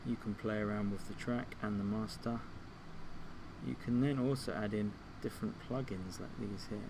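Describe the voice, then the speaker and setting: As a music tutor, a man walks through software step by step in an informal tutorial, thinking aloud a little hesitantly. His fairly low voice stays steady at a moderate pace, with background noise present.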